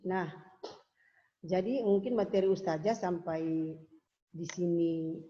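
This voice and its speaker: A woman teaching young pupils in a recorded lesson, explaining patiently, repeating herself and pausing with fillers. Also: on the low side, warm tone. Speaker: religious school teacher. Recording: dull lo-fi home video audio.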